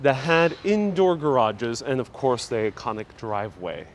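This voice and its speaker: Walking city streets outdoors, a man hosts a casual, chatty live walking tour and politely answers viewers, his voice a bit muffled by a mask. He speaks at medium pitch and normal speed with big pitch swings, picked up by a clip-on body mic. Street ambience and passing vehicles fill this outdoor live stream.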